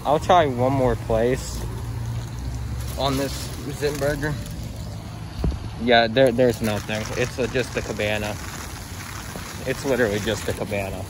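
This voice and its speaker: A teenage boy rambles through a casual vlog, phone held at arm's length as he walks around a mall at night. His delivery is loose and full of fillers, with upbeat sign-offs. Steady outdoor noise sits under his voice. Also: medium pitch, a little slow, pauses often. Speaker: vlogger.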